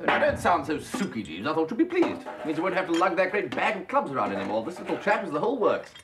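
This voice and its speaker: An actor playing a cheerful, breezy young upper-class English gentleman. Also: fairly high pitch, fast, music in the background. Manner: chirpy, breezy and excitable.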